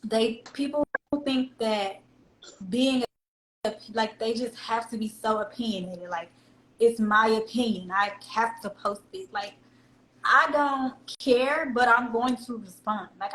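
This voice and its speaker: Laughing often, a Southern American woman talks candidly as a guest in a casual interview. Her voice is on the high side, a little slow and a bit bright, and the room echoes with a faint hum.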